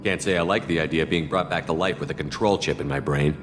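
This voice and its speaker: A deep-voiced, brisk commander. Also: male voice. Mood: steady. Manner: direct questioning. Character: steady male commander. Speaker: player character. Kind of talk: video game dialogue. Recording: game audio with long reverb and clear hiss.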